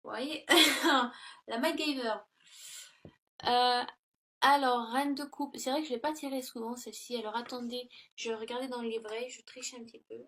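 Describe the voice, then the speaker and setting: A woman's voice: on the high side, steady tone, moderate pace, sharp tone, slight background noise. A woman giving a casual tarot reading to her laptop, hesitant and full of fillers and self-corrections. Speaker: tarot reader. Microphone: laptop built-in mic.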